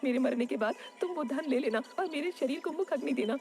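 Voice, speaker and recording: A woman putting on a frail, tearful old grandmother in a cartoon, pitched high and quavering, lines rushed out quickly. She sounds weak and pleading, with light music under the voice. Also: darkish tone. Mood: sad, pleading. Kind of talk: cartoon dubbing.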